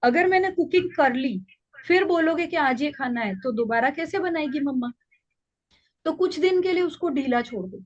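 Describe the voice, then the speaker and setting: A woman parenting coach giving an online class, mixing Hindi and English in a gentle, advising tone. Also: high voice, lively intonation, moderate pace, lo-fi sound.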